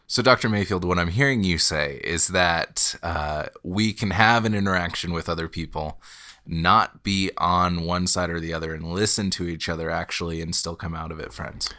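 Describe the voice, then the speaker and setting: A man's voice: sits low, normal speed, sharp tone. A man with a head cold co-hosting a podcast, summing up and paraphrasing what his partner says. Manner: summarizing and paraphrasing the other speaker. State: sick, stuffy head cold. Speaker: podcast co-host. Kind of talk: casual podcast conversation.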